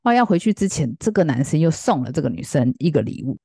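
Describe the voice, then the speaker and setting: A woman's voice: deep voice, sing-song, fast talker, warm tone, husky, no echo, clean studio sound. A woman, telling a story in a chatty way, full of fillers, and acting out the quoted lines. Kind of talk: casual storytelling.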